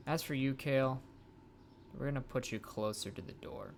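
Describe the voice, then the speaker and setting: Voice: medium pitch, normal speed, slight background noise. A game streamer giving playful commentary, stammering and talking to the game's characters.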